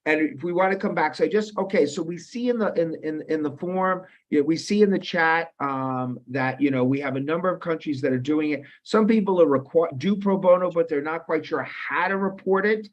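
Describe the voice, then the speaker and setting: A man in his fifties moderates an online webinar, chatting casually, restarting often and quizzing his audience. His voice is a little high and a little fast, with hardly any pauses. It comes through a video call as muffled, lo-fi audio.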